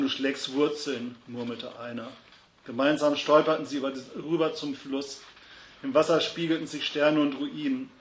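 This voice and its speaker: A man reading a story aloud, shouting the characters' angry lines when they come up. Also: mid-range voice, reverberant, a little hiss or hum. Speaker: reader.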